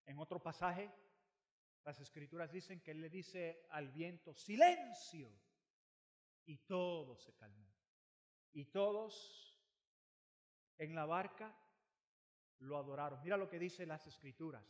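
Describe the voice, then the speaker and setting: A man preaching a sermon, retelling a Bible story dramatically, swinging from loud emphasis to hushed lines and repeating phrases for weight. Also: fairly high pitch, measured pace, pauses often.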